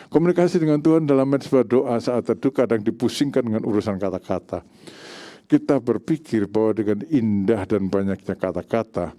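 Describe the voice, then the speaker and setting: A male pastor, preaching a lively sermon that swings from high, pleading mimicry down to low, quiet emphasis. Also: no room sound, clean studio sound.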